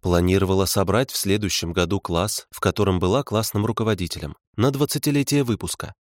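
A man reading a composed woman investigator, cool and dispassionate in an unhurried way. The voice stays lowish and dry, close to the mic. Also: dry recording, natural voice. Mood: calm.

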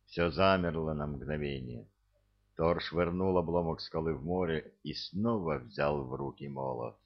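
A man reads an audiobook in a measured, dramatic storytelling manner. His voice is very low and gravelly, and he takes his time. The recording sounds dull and lo-fi. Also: big pitch swings. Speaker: audiobook narrator. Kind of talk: audiobook reading.

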